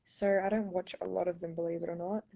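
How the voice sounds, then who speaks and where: A woman's voice: on the low side, level tone, fast talker, gravelly, mellow. Chatty Australian young woman on livestream. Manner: chatty, reads viewer comments aloud, often says um and like. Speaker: pageant contestant answering fans. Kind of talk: casual live-stream Q&A.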